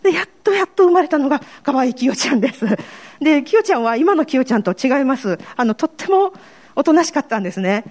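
A woman's voice: sits high, expressive, quick pace, a little mellow. A woman with a Kansai accent giving a personal faith testimony to a congregation, telling her story in a candid, self-deprecating way. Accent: Kansai Japanese. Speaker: church member giving testimony.

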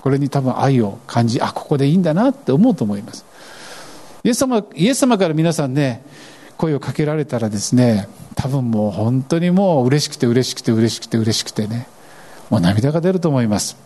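Pastor, male, preaching with big swings in pitch, mellow tone. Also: moderate pace. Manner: animated preaching, voices scripture lines. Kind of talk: sermon.

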